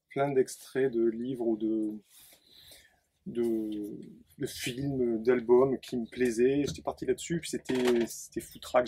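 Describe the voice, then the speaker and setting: A man's voice: mid-range voice, mellow, slightly rough. A man, an author, reading his own text aloud and then explaining his work casually at a bookshop event, with many fillers. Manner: reads in a driving, escalating chant, then talks with many fillers.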